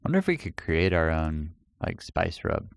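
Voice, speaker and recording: Male co-host, deep resonant voice, rambling and playful, dry mic. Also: sing-song, moderate pace, clean tone, no room sound. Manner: jokey, rambling with restarts. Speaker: podcast co-host. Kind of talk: casual chat.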